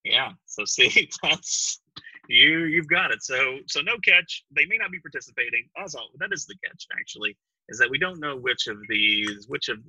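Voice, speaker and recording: A man co-hosting a comedy podcast, riffing in a deadpan, mock-promotional way. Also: mid-range voice, normal speed, husky, poor audio. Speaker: podcast co-host.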